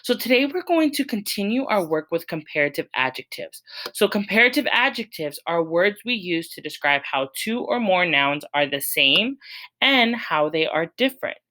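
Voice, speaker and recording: A woman's voice: lowish voice, sing-song, normal speed, pushed and bright, poor audio. A woman teacher explaining a grammar lesson patiently, step by step, asking her students questions as she goes. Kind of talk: recorded classroom lesson.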